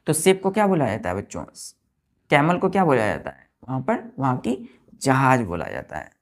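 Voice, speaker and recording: Woman teacher, low gravelly voice, slow and repetitive, questions her class. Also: huge pitch swings. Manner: slow, explains each word twice, asks the students questions. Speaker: English vocabulary teacher. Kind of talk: classroom lesson for exam students.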